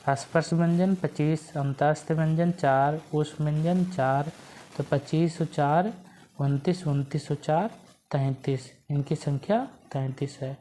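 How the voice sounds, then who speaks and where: A woman's voice: sits low, mellow, a little hiss or hum. A woman teacher giving an exam-prep grammar lesson, asking questions and answering them herself and repeating key points to memorize.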